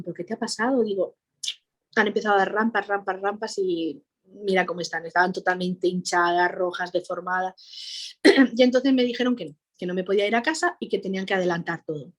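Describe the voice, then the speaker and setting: A woman speaks as an interview guest, telling a personal story in a conversational way. Her manner is cheerful, and she laughs often as she talks. Her voice sits at an ordinary middle pitch. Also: fairly quick.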